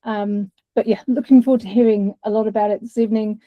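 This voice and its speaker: A woman's voice: mid-range voice, little pitch movement, fast talker, no echo, narrow, tinny audio. A woman with a New Zealand accent, informally introducing an online event as its host. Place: indoors on an online call.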